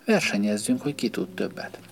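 A man's voice: fairly low pitch, sing-song, gravelly, a little hiss or hum. A man voicing an eager little reed sparrow in a storybook reading, chirping his lines.

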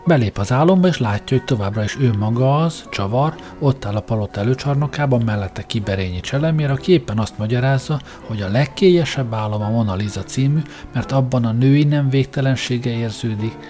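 A man reads a story aloud in a steady, even tone, with a voice at an ordinary middle pitch. Music plays clearly behind the narration throughout. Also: few pauses. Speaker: audiobook narrator.

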